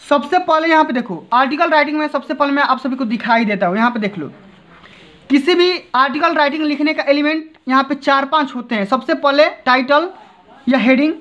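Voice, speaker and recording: A man's voice: very high-pitched, brisk, fairly bright tone. A man teaching an exam-prep lesson at his desk, coaxing students along and often checking they follow. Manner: coaxing, keeps repeating check-in tags. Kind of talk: tutorial explaining to students. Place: desk seen from above, indoors. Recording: dull lo-fi phone recording.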